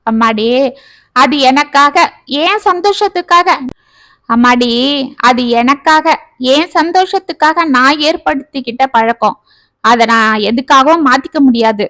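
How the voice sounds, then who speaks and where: A woman voicing a stubborn middle-aged father who is fond of drink, speaking gruffly in a storybook tale. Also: high voice, measured pace, long pauses, sharp tone, no room sound. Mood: dismissive.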